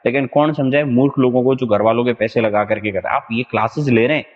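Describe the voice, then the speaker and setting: Casual young male tutor, mid-pitched, repeats a pet phrase, jokey memory tricks; echoey, muffled classroom recording. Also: fast talker. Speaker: exam vocabulary teacher. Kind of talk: online lesson with whiteboard.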